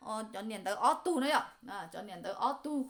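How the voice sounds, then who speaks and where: A woman teaching a spelling lesson, sounding out syllables slowly and repeating each one with many fillers. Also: mid-range voice, lively intonation, a bit bright. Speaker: language teacher.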